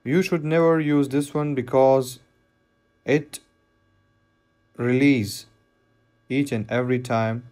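Slow-talking man explaining knot tying. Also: mid-range voice, fairly even intonation, darkish tone. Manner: plain, repetitive step-by-step instructions with non-native phrasing. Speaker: fishing knot instructor. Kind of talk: hands-on tutorial voice-over.

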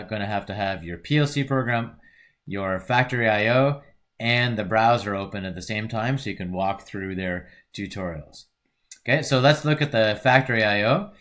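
A man giving a relaxed, rambling screen-recorded tutorial, often correcting himself as he clicks through software. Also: medium pitch. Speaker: instructor.

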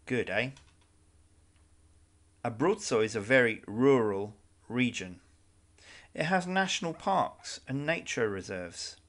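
Male narrator for a travel guide video, measured delivery with wry asides, mid-range voice. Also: mid-range voice, expressive, a bit bright.

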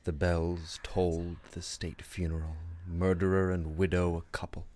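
A man's voice: sits low, flat delivery, a little slow, dark tone. A man playing a bitter, tormented young prince Hamlet in a theatrical, brooding radio-play monologue that slips between whispers and outbursts. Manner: brooding, dramatic, sardonic, slipping into whispers and outbursts. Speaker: performer in a student radio play. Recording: noisy amateur recording with ambient effects.

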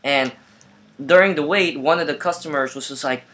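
A man's voice: fairly high pitch, normal speed, a bit bright. A man telling a casual vlog story at home, rambling with many fillers and restarts, recorded on his laptop webcam. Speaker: vlogger.

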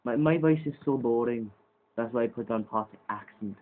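A man's voice: medium pitch, moderate pace. A man bantering and teasing during casual gameplay commentary, often stumbling over his words. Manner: teasing, bickering, stammering. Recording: lo-fi, phone-like sound.

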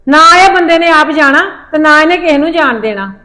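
A middle-aged woman with a high voice rants and scolds at length, complaining bitterly in a family drama. Her voice stays bright and high throughout the tirade. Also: animated, a little fast. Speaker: mother-in-law in a family drama. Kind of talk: Punjabi family drama acting.

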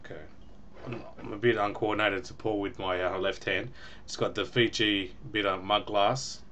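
A man's voice: lowish voice, fairly even intonation, moderate pace, pushed and bright. A young man casually reviewing a beer at home on a webcam, chatty and rambling with ums and small laughs. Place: small room at home, indoors.

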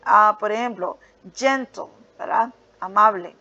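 A woman's voice: mid-range voice, measured pace, pushed and bright. A woman teaching English grammar to school students, explaining a worksheet step by step and checking in often with "ok?" and "right?". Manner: patient, repeats "¿ok?" and "¿verdad?" often. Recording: dull lo-fi sound.

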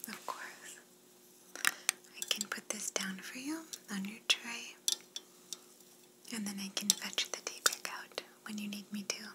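Slow whispered role-play, courteous flight attendant acted by a woman. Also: mid-range voice, fairly even intonation, lightly acted. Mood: courteous, soothing. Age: young adult. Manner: attentive, polite flight attendant service talk. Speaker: ASMR performer playing a flight attendant.

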